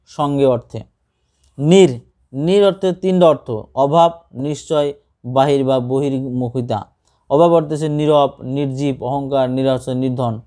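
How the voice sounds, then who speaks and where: Guy tutoring for exams, runs thru word lists, asks then answers himself, warm-ish tone. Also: mid-range voice. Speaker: teacher. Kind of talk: exam-prep grammar lesson.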